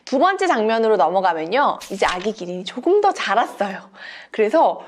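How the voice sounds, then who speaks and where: A woman teacher giving a lecture to other teachers, walking them through a picture book with animated, expressive storytelling. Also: mid-range voice, moderate pace, slight background noise.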